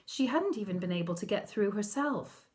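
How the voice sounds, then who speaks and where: A woman's voice: medium pitch, lively intonation, normal speed, a little mellow. Woman reading her own novel aloud. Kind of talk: audiobook narration.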